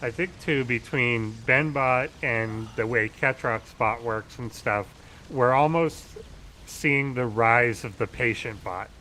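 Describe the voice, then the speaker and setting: A man's voice: mid-range voice, takes it slowly, sharp tone, a little hiss or hum, rough recording. A man co-casting live esports, laid-back and agreeable, often answering with "yeah" and "indeed". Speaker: co-caster.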